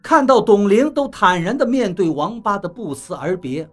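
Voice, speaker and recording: Husky, lively first-person audiobook narrator. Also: medium pitch, moderate pace. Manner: lively, expressive storytelling with acted dialogue.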